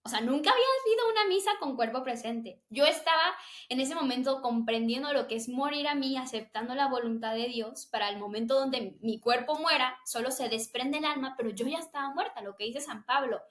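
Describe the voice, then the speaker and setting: A woman's voice: sits high, fairly quick, fairly bright tone, echoey room. A young woman, fervently sharing a personal faith testimony as an interview guest. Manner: earnest, fervent, emotional.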